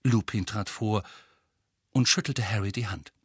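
A man reading a story aloud in an expressive, animated narration, voicing each character. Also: lowish voice, a little slow, slightly rough, no echo, studio quality. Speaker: audiobook reader.

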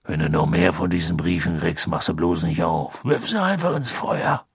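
A man voicing a big, gruff but kind-hearted male giant gamekeeper with a gravelly, husky, rough voice. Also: low-pitched, expressive, moderate pace, dry recording, studio quality, pitched below the performer's own voice, exaggerated voice. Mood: gruff comforting. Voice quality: gravelly, husky, rough dialect-tinged speech.

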